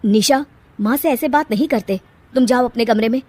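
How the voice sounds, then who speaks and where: A woman voicing a gentle young husband in a cartoon story, soft and placating. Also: on the high side, normal speed, lightly acted. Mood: calming.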